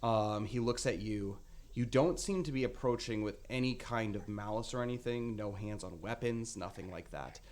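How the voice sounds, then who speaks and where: A man narrating as game master of a tabletop game, halting with many fillers. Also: on the low side, darkish tone.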